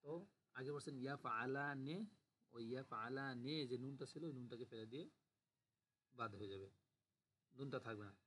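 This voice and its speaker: A man's voice: mid-range voice, a bit bright, slight background noise. A man teaching a grammar class, patiently explaining and repeating word forms aloud for students to drill. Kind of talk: online class lecture.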